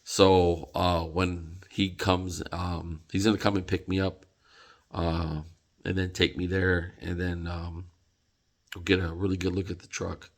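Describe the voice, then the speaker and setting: Tired, low-voiced man rambling about trucks. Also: level tone, a little slow. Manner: rambling, many fillers and restarts. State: tired, yawning. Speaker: trucker vlogger. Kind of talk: casual vlog talk.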